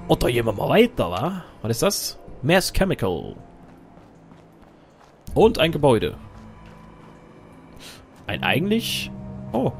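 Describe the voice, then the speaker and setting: A man's voice: a little high, vocal fry. A man giving casual, joking let's play commentary while he plays, talking to himself and his companion.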